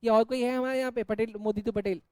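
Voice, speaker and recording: A man's voice: extremely high pitch, fairly even intonation, quick pace, mellow, clear, resonant tone, dry recording. A man teaching an accounts class, jokingly scolding and teasing his students while he explains. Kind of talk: Hindi-English accounts lecture.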